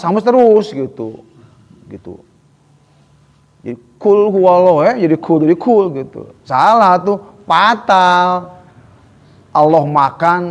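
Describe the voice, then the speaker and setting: Man, recitation teacher, slow drilling of syllables, lively rising and falling pitch. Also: big-room sound. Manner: drills letter sounds in short repeated syllables, then explains; cautioning, often adds "ya" and "gitu". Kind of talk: tajwid lesson with recited drills.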